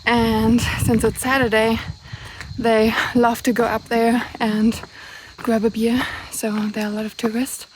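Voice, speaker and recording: Young woman, chatty travel vlogger recorded outdoors on a trail, slightly high voice, audible outdoor noise. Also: level tone, a little slow. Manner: chatty, laughs often. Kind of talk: casual vlog narration while hiking.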